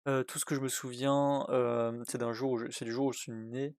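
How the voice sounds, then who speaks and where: A gaming YouTuber plays a horror game and translates its text aloud, filling his commentary with fillers and restarts. His medium-pitched voice is level, a little mellow, and moves at a normal pace. The studio-quality recording has no echo, with faint game music behind him.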